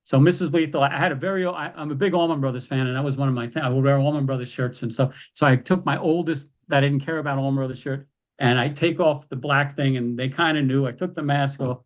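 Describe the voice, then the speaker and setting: As a podcast guest, an animated man casually tells wrestling stories in a middle-pitched voice, jumping into quoted lines with a raised voice. He talks quickly, and the audio is lo-fi.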